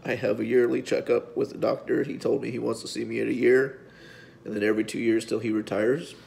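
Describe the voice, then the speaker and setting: A man, a physique coach giving a heartfelt personal video update, halting and fighting back tears. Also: mid-range voice, level tone, gravelly, darkish tone, slight background noise. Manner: halting, repeats words, speaks from the heart. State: tearful, voice breaking at times.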